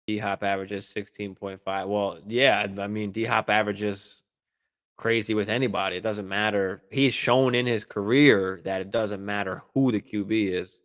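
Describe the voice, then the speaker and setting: A man hosting a live fantasy football stream, answering viewer questions in a relaxed, casual way, swearing freely and using lots of fillers and restarts. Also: on the low side, moderate pace. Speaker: fantasy football show host.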